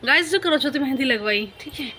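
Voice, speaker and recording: A woman's voice: lively intonation, fairly quick, pushed and bright, a little hiss or hum, rough recording. A woman, chatting casually to viewers in a family vlog and cooing at her baby. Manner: chatty, talks to viewers and coos at her baby in a high sing-song. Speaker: family vlogger. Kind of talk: casual home vlog talk. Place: home kitchen and living room.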